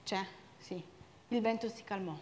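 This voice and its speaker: A woman preaching a sermon with passion, swinging between loud urging and quiet reflection. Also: mid-range voice, measured pace, a little hiss or hum.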